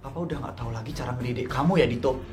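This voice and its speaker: A man playing a harsh middle-aged father who scolds his son and shouts at him. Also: mid-range voice, rapid-fire, soft background music, lightly acted. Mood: scolding.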